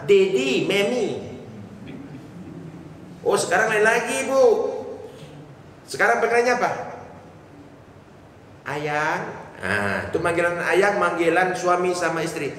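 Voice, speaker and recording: A man with a fairly bright, high-leaning voice preaches a funny sermon in a mosque hall, joking and putting questions to the worshippers. It's captured distantly, with echo and a faint bit of noise.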